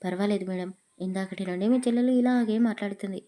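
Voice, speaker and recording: A woman's voice: medium pitch, fast, warm tone. A woman reading a romance audio story aloud, voicing every character's lines in her own voice.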